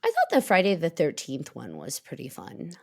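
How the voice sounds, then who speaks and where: A woman's voice: deep voice, wildly swooping pitch, moderate pace, gravelly, slightly rough. A woman from Texas hosting a podcast, chatting casually and laughing often. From United States, Texas. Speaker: podcast host.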